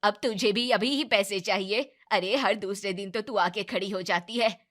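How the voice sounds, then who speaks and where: A woman voicing a sharp-tongued, middle-aged mother-in-law in an animated family drama, speaking in a harsh and dismissive way. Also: medium pitch, moderate pace, lightly acted. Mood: scolding.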